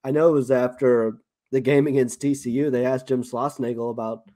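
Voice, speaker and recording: South African man, halting sports chat. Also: mid-range voice, fairly even intonation, mellow. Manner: halting, many fillers and restarts. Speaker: podcast co-host.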